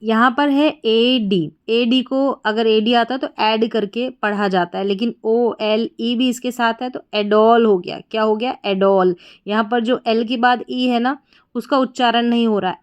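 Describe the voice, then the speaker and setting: Woman teacher, slow and clear, spells words out patiently. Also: fairly high pitch. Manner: spells letters slowly, then blends and repeats the word. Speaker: English reading teacher.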